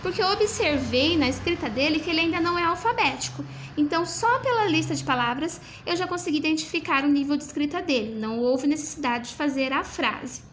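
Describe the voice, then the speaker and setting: A woman teacher explaining a classroom writing assessment, slowly sounding out words as she goes. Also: high voice, animated, a bit bright, slight background noise.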